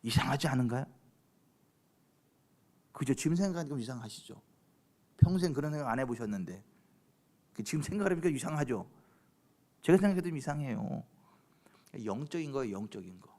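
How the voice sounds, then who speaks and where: A man preaching a sermon in church as pastor, questioning members of the congregation by name and moving between loud exclamations and hushed low passages. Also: expressive, fairly quick, pauses often. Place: church sanctuary.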